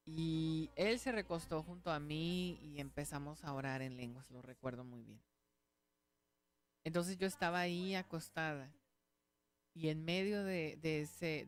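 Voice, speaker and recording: A woman pastor gives a radio sermon in a lowish voice. She talks earnestly and conversationally, checking in with her listeners as she goes.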